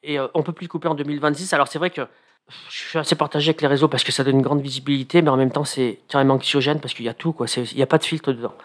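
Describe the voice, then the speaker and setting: Rapid-fire and steady in tone, this medium-pitched man writes radio comedy columns and is chatting casually in a radio interview, full of hesitations and filler words.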